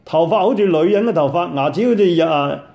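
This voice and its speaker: Animated older preacher. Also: male voice, fairly high pitch, brisk, creaky, lo-fi sound. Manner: animated, exclaiming, repeating phrases for emphasis. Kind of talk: sermon on scripture.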